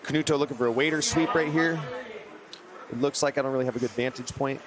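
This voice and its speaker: A man giving technical, excitable blow-by-blow commentary on a live grappling match. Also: mid-range voice, fast. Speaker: fight analyst commentator. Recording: loud crowd noise behind. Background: roaring arena crowd.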